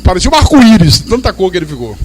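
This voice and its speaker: A male pastor preaching a sermon in church, reading scripture slowly and drawn out, then telling anecdotes quickly. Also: sits high, very animated, breathy edge. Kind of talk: sermon with storytelling. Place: church service.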